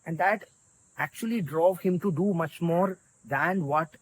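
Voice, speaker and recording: A man with a South Indian accent tells a story in a conversational way, as an interview guest would. His voice sits a little high, and there is faint background noise behind him. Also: measured pace, low-quality recording. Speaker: interview guest, volunteer community organiser.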